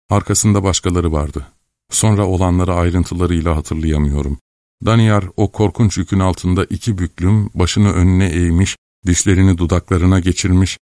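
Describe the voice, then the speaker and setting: A deep-voiced man narrating a novel in a measured, steady way. The recording is dry and close, with no room sound. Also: no echo. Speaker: audiobook narrator. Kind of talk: scripted narration.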